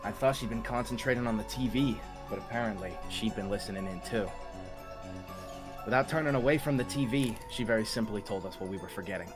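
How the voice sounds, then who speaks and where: A man's voice: on the low side, fairly quick, over music. A man narrating a visual novel as a streamer, slipping between scripted reading and casual chat.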